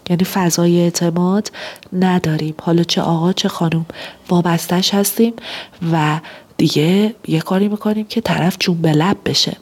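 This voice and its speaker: Husky woman telling a relationship story. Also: lowish voice, a little mellow. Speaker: relationship advice speaker. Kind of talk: advice talk with storytelling.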